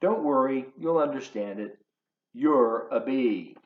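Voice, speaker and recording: A volunteer children's book reader, a man with a lively pitch, reads a picture book slowly to young children in a home living room. He is playful, adding asides and asking the kids questions directly. The home video sound is roomy and slightly dull.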